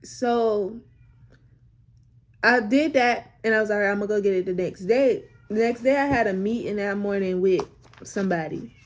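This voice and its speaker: A vlogger tells her faith testimony in a casual, emotional way, her medium-pitched voice moving at a moderate pace. She is close to tears and repeats phrases for emphasis.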